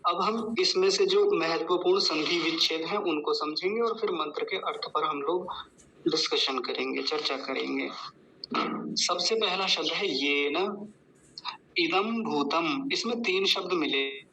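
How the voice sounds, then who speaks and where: A man with a bright, fairly high voice gives a patient recitation lesson, slowly sounding out each syllable and repeating words in a measured way. The recording is a little dull and carries a faint hiss. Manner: chants the mantra in a measured recitation. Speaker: Sanskrit recitation teacher. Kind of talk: slow syllable-by-syllable pronunciation lesson.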